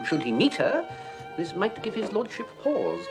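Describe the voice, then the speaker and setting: A formal, unflappable gentleman's valet in a period television drama. His measured delivery is fairly high and rises and falls in lively curves. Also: music in the background, heavily acted.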